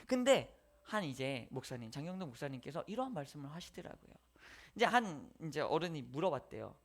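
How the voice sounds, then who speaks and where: A man's voice: a little high, a little fast. A man preaching a sermon as pastor, telling stories with acted voices and dropping to whispers. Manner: lively storytelling, acting out voices, shifting from loud to whispered.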